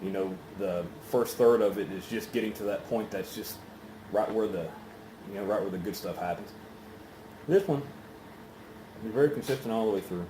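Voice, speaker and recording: A man chatting casually through a solo review in an unhurried, halting, rambling way, with pauses. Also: lowish voice. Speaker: pipe tobacco reviewer. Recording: roomy echo, faint background noise.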